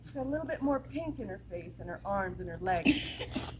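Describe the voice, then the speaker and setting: A woman telling a story to a camp audience in an animated, laughing, playful way. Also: mid-range voice, normal speed, background noise. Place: camp chapel gathering with audience.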